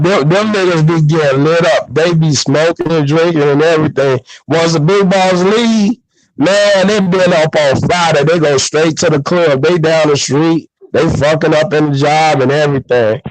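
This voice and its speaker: A man in a casual online panel chat, talking in rambling bursts with many fillers, through a loud mic that distorts. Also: on the high side, fairly even intonation, moderate pace.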